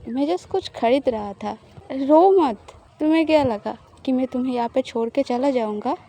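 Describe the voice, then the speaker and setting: A woman's voice: high-pitched, normal speed, mellow. A woman voicing a confident, teasing young woman who playfully reassures her partner in an audio love story.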